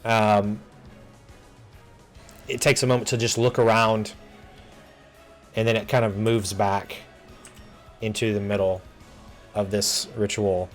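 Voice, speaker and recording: Relaxed man running a tabletop game. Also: lowish voice, faint music behind. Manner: relaxed and unhurried, with frequent ums and uhs. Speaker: game master.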